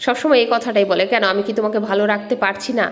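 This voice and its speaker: A middle-aged housewife vlogging at home, chatting casually and warmly with her viewers. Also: mid-range voice, steady tone, very fast. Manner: chatty and warm toward viewers; speaks softly at night so as not to wake family. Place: home at night.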